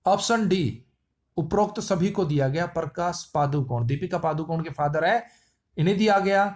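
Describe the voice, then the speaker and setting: A man with a high voice runs through quiz answers, one after another. He ties each answer to a silly pun and repeats it so it sticks. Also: normal speed, darkish tone. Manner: playful wordplay, repeats lines. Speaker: quiz teacher. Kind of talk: memory-trick quiz lesson.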